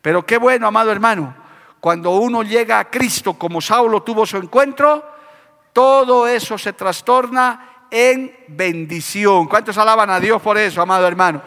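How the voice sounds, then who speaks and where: High, bright-voiced fervent preacher man. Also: normal speed. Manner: fervent preaching with repeated "amado hermano". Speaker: pastor. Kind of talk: sermon. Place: church hall, broadcast on radio and TV. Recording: reverberant church hall.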